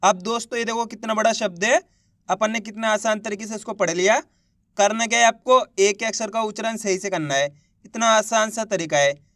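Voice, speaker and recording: A man teaching children to read Hindi, sounding out each syllable slowly and then stretching the whole word, and often asking whether it is clear. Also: sits high, steady tone, fairly bright tone, dry recording, studio quality. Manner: addresses viewers as friends and asks if it is clear. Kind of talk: slow syllable-by-syllable reading lesson.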